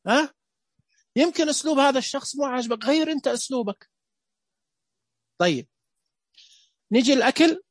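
A man giving a lecture, animated and often asking his audience rhetorical questions. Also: extremely high pitch, brisk, long pauses, dry recording.

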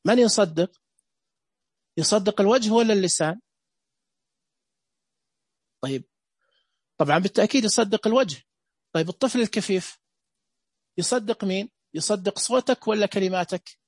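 A man giving a lecture, animated and often asking his audience rhetorical questions. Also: sits high, normal speed, long pauses, husky, no echo.

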